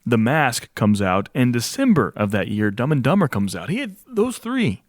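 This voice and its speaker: Animated, laughing podcast co-host man. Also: medium pitch, normal speed, no room sound. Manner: laughs often, animated storytelling. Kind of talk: casual chat.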